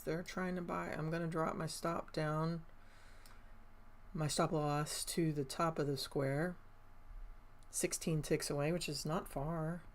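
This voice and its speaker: A middle-aged woman, commenting casually on her live trades, chatty and excitable, swearing and laughing at her own moves. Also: low voice. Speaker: day trader livestreaming.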